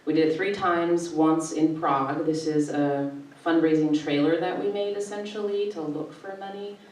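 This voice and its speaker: Woman in her 40s, low voice, easygoing panel speaker, heard from a distance in an echoey gallery. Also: normal speed, a little hiss or hum. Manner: relaxed, conversational, presenting slides. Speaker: panelist, filmmaker and festival director. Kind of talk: panel talk with slides. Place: art gallery. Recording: echoey gallery room from far off.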